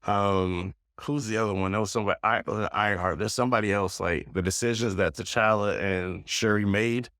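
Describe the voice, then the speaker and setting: A man's voice: on the low side, fairly even intonation, brisk, hardly any pauses, fairly bright tone, no echo, clean studio sound. A man co-hosting a podcast in casual chat, laid-back and rambling, laughing often. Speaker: podcast co-host.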